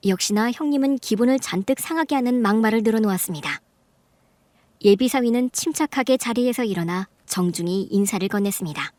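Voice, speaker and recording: A middle-aged mother, voiced by a woman telling her story in a radio drama, measured and then firm and sharp. Her voice sits high and clear. The sound is dry and close-miked. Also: no room sound, natural voice. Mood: narrating. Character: middle-aged mother, calm narrator who snaps in anger. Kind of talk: Korean radio drama narration.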